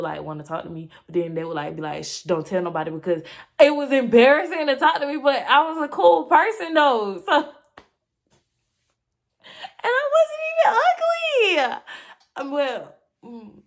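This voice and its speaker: A young woman in a confessional home vlog, talking candidly and rambling with many fillers, speaking casually and directly to her viewers. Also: fairly low pitch. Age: young adult. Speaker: vlogger.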